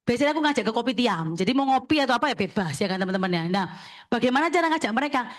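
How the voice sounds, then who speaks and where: A woman speaking quickly in a somewhat high voice. She coaches like an insurance team leader, giving step-by-step tips and tossing back checks to her listeners. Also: lively intonation. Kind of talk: sharing tips at a talk session.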